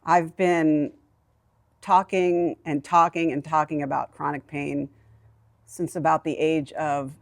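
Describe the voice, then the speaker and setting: A woman in her fifties with a gravelly, fry-edged voice gives a conference talk as a therapist. She speaks in a relaxed, chatty way and thinks aloud, and the sound is dry with little room echo. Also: low-pitched, slow pace. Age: 50s. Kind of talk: conversational presentation.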